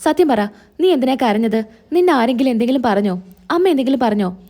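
A woman's voice: a little high, expressive, quick pace, dark tone. A woman voicing a protective young husband who speaks in an insistent, reassuring way in a retold serial story. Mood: concerned.

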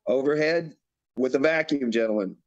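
A man with a mid-range voice and moderate pace coaches a bodybuilder through posing routines, giving directions and repeating his cues. It's an instructional demonstration, and the recording has its highs cut off.

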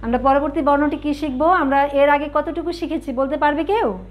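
A woman teaching young children to write and say letters, coaxing them with questions and slow drawn-out fillers, with a Bangladeshi Bengali accent. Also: high-pitched, steady tone. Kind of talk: children's alphabet lesson.

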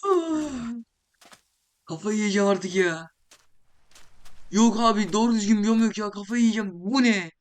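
A young man with a notably high voice talks over his gameplay, getting more and more exasperated as he grumbles and swears casually. He keeps chatting to the animals in the game, and a soft patter of rain runs behind him. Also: moderate pace, clear, resonant tone. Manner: swears casually, exclaims loudly. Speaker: gaming channel host. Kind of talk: Minecraft let's play commentary.

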